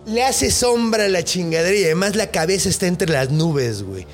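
A man with a Mexican accent telling a story in a casual podcast chat, animated and full of slang. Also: high-pitched. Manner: animated, slangy, quick to laugh.

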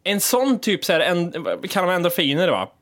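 A man's voice: high-pitched, animated, fairly bright tone. A man in a casual podcast chat, telling a story in a meandering way with lots of fillers. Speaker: podcast co-host.

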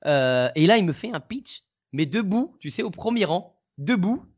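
A man, a comedian, telling an anecdote in casual conversation, rambling and animated with many restarts. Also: high voice, normal speed, breathy edge.

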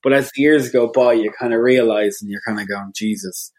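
An Irish man in his thirties talks as an interview guest, rambling and self-deprecating. His voice sits at an ordinary, middle pitch for a man. It sounds like casual, unscripted chat. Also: brisk, a little mellow. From Ireland. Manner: chatty, rambling, self-deprecating with frequent laughs. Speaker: radio presenter, guest.

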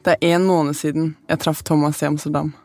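A woman, the podcast's narrator, telling her own story in calm, measured, scripted first-person narration. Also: sits low, soft background music.

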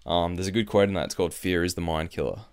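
A man's voice: deep voice, fairly even intonation, quick pace. A man co-hosting a casual podcast, rambling and laughing a lot, with casual swearing. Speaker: podcast co-host. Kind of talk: casual chat.

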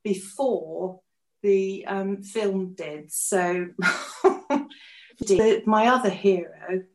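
A woman's voice: mid-range voice, extremely slow. Chatty English woman in an echoey room. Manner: chatty storyteller, laughs often. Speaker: co-host and artist. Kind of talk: casual podcast chat.

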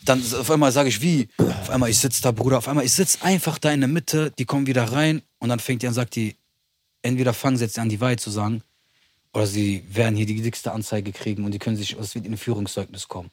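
A young man co-hosting a podcast, telling a rambling, animated story in casual chat and acting out what others said. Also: mid-range voice, fast talker, no echo. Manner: rambling, animated, acts out quoted voices. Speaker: podcast co-host.

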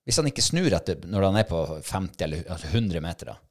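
A middle-aged man, telling a hunting-trial story in a casual chat and acting out his own thoughts and shouts. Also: low-pitched, sing-song. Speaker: podcast co-host, hunting dog handler.

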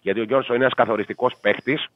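A man talking through a football match as an analyst, measured and thinking aloud with fillers. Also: mid-range voice, steady tone, no room sound. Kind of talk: casual sports betting talk. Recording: tinny dry phone line.

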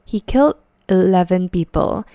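A woman's voice: lowish voice, lively intonation, normal speed, dark tone, no room sound, studio quality. A woman podcast host telling a true-crime story conversationally, with chatty asides and rhetorical questions. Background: faint music.

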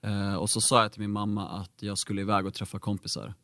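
A man's voice: lowish voice, monotone, a bit bright, no room sound, studio quality. A young man, a guest in an interview, telling a personal story in a candid, reflective way with many fillers.

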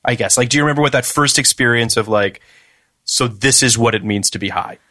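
A man's voice: medium pitch, brisk, sharp tone. A man in a casual chat who talks in an earnest, slightly anxious way and asks lots of curious questions. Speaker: podcast co-host.

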